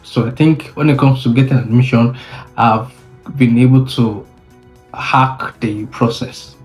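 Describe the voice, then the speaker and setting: A young Nigerian man with a Nigerian English accent tells his own story in a casual vlog, unhurried and often restarting and correcting himself mid-sentence. His voice is medium-pitched and darkish with fairly even intonation, and faint music plays behind him.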